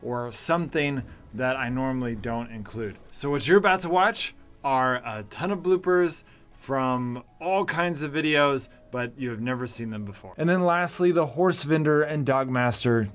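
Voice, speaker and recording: In his home recording room, a man in his thirties who hosts a gaming channel chats playfully while playing, giving casual gameplay commentary. His mid-range voice has a fairly bright tone and a moderate pace.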